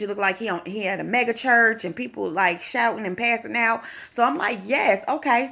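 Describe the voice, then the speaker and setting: A woman's voice: a little high, vocal fry, fairly bright tone. A young woman in a sassy, conversational opinion vlog, speaking. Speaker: vlogger.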